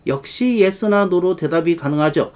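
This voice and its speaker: A man teaching an online English grammar lesson. He explains lively and slows right down to spell out the English example sentences. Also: high voice, clear, resonant tone.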